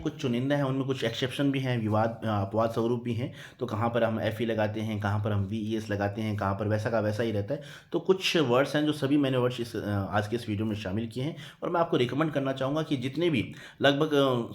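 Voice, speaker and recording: In a Hindi lesson on English grammar, a man with a medium-pitched voice spells words out letter by letter and checks in with "theek hai" after each point.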